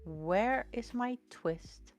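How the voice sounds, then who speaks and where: A woman voicing a poor, anxious old male tailor in a storybook, lamenting in a hushed, half-whispered voice. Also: fairly high pitch, lively intonation, very slow, faint music behind, pitched above the performer's own voice, full character voice. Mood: pleading.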